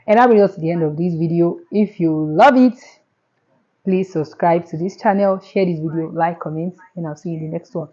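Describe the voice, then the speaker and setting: A woman's voice: on the low side, fairly quick, mellow, highs cut off. A Nigerian woman with a Nigerian accent, hosting a casual step-by-step screen tutorial and often repeating herself. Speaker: tutorial host.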